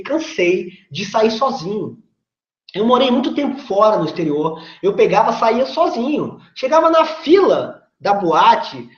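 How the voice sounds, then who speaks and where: A man with a Brazilian Portuguese accent, a sales coach giving a casual video lesson while seated facing the camera, chatty and persuasive as he explains. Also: high voice. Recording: roomy dull lo-fi recording.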